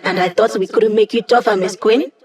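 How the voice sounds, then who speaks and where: A woman's voice: mid-range voice, fairly even intonation, brisk, a little mellow, natural voice. Woman doing a young hacker girl for a video game, wry n playful, casual techy teasing, tech support for the bad guys. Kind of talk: video game character dialogue.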